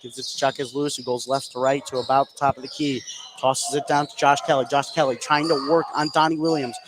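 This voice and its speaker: In a quick, mid-range voice with little rise or fall in pitch, a man delivers live radio play-by-play of a basketball game. He follows the action in short running phrases. Crowd and gym noise from the indoor court carry clearly through the broadcast.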